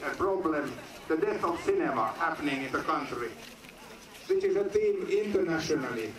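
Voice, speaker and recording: A man from Finland with a Finnish accent giving an earnest, declamatory speech to an audience at a film screening, in short phrases with pauses. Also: sits high, background noise. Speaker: guest speaker at a film screening. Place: large indoor venue. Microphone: phone recording from the audience. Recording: echoey hall, from far off.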